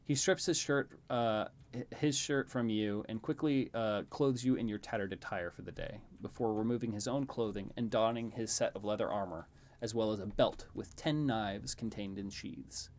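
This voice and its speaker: A man with a fairly low voice works as game master. He narrates scenes for a tabletop role-playing game, describing them for the players. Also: moderate pace, a little mellow.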